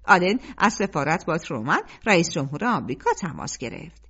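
A woman reading a novel aloud as an audiobook narrator, in lively storytelling fashion. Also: husky. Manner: lively storytelling with wide swings in pitch. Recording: dull lo-fi audio.

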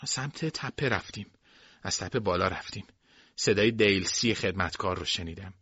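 A man's voice: deep voice, sharp tone, slightly rough, dry recording, highs cut off. A man giving first-person scripted narration of a novel in a plain storytelling way. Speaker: audiobook narrator.

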